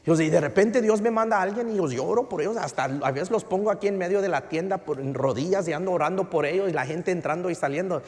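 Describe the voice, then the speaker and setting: A male pastor, telling a story in a relaxed sermon and slipping into English phrases. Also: high voice, fast, hardly any pauses. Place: church sanctuary. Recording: reverberant church hall.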